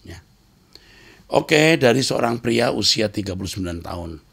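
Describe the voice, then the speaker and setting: Gravelly low-voiced male counselor. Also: expressive, moderate pace, a bit bright. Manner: blunt, emphatic advice. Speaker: counselor answering listener letters. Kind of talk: advice talk reading letters aloud.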